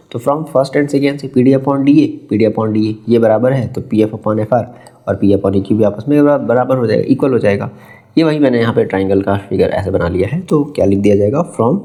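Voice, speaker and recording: A man's voice: mid-range voice, dark tone. A male math teacher, explaining a geometry lesson step by step and quizzing his students. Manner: mixes Hindi with English terms.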